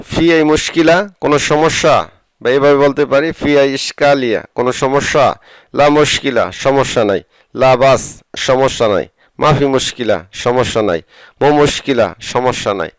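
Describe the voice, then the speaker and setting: A man teaching vocabulary, saying each phrase slowly and repeating it with its translation. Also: medium pitch, dry recording. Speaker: language teacher. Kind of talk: slow phrase-by-phrase vocabulary lesson.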